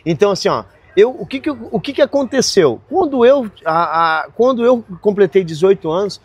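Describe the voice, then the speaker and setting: Podcast guest: man, 40s, high voice, lively storyteller, dry close sound. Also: normal speed, husky, no echo. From Brazil. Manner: lively, laughs often, acts out quoted dialogue. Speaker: podcast guest, marina owner. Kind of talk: animated storytelling in conversation.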